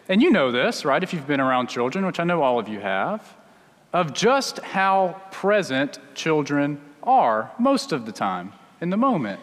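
Male pastor, high voice, chatty storytelling sermon, long church reverb. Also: fairly bright tone. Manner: storytelling, conversational with many restarts.

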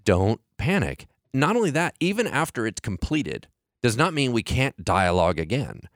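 A man talking in a casual podcast conversation, animated, often acting out the voices he quotes. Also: mid-range voice, moderate pace, no room sound, studio quality. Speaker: co-host.

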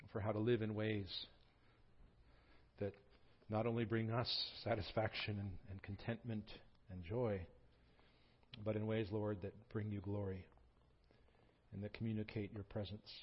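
A pastor in his forties from Southern California, who prays quietly and then preaches in a lively storytelling way with touches of humor. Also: fairly low pitch, husky, lo-fi sound. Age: 40s. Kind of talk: sermon.

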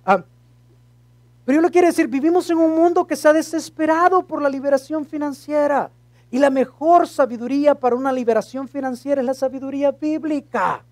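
A man preaching a sermon as pastor, dropping English words into his Spanish and swinging from lively, loud praise to low, quiet talk. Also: a little fast, dry recording.

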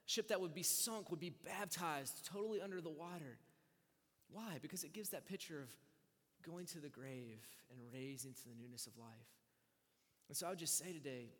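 A fairly high-voiced man preaching a conversational sermon, his voice ringing with a long hall reverb. He acts out his listeners' voices and swings between hushed asides and loud emphasis. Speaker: pastor.

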